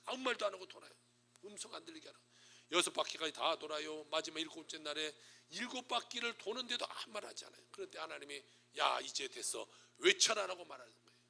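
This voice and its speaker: A man preaching in a church, his voice pitched somewhat high with a gravelly rasp and an intensely sharp, forceful edge. He swings dramatically between loud exclamations and hushed, breathy whispers. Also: expressive, fast. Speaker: pastor. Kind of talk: sermon. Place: church sanctuary.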